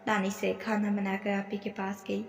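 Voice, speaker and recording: A woman storyteller reading a story aloud with a plain, steady delivery. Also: medium pitch, creaky. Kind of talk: scripted story narration. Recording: echoey room with long reverb.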